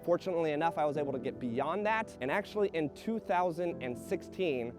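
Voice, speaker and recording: Vlogger, thirties, male, fairly high voice, earnest outdoor storytelling with a music bed. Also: expressive, a little fast. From Texas. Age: 30s. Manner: earnest, emphatic storytelling with filler phrases. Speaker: real estate agent. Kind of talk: personal story vlog. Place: outdoors in front of a duplex. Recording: music playing under the voice.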